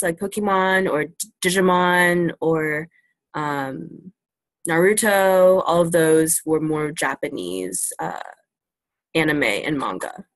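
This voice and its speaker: A young woman with a fairly low-pitched voice, English being her first language, casually presents about China to students in a virtual classroom Q&A. Her easygoing delivery is packed with ums and likes, captured dry through a laptop webcam on a video call.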